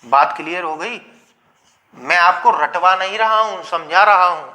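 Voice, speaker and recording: A man teaching a Hindi grammar lesson on video. He explains slowly and patiently, repeats key points, and asks the class questions that he then answers himself. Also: high-pitched, sharp tone. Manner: slow, patient explaining with repetition. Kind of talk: video lecture.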